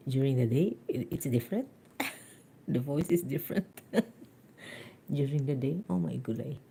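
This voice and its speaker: A woman's voice: very deep voice, lively intonation, normal speed, gravelly, mellow, a little hiss or hum. A chatty, giggly woman, live-streaming casually and talking into a phone held close to her mouth. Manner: giggly, chatty, mixing Tagalog words.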